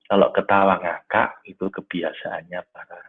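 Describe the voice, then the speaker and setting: Low, husky man teaching over a tinny line. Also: flat delivery, moderate pace. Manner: warm, conversational lecturing, often says "Nah" and addresses "Bapak Ibu". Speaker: teacher of an online class. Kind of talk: live online class with questions from listeners. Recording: tinny phone-like audio.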